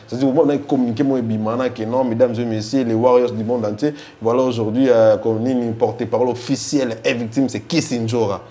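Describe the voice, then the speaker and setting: A Congolese-accented man, a spokesman for music fans, speaks as a guest in a casual interview, mixing two languages. His mid-range voice is warm, fairly even in intonation, and brisk with few pauses, and he is emphatic and tends to repeat himself.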